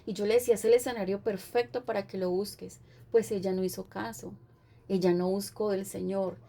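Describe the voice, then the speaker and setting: A woman's voice: mid-range voice, fairly even intonation, a little fast, gravelly, warm tone. A woman pastor preaching a sermon with an earnest, repetitive cadence.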